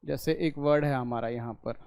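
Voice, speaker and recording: A man giving an online class in a smooth, resonant voice at an ordinary middle pitch. He draws out the sounds he is teaching and keeps checking that his students follow. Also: steady tone, a little mellow. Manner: explains slowly, stretching out sounds and checking in with "okay". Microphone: recorded for a video lesson.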